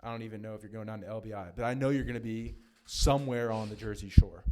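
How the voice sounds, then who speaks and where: A young man from the northeastern United States co-hosts a podcast in casual chat, rambling and self-deprecating with lots of fillers. His voice is lowish and mellow, with a steady tone and a quick pace.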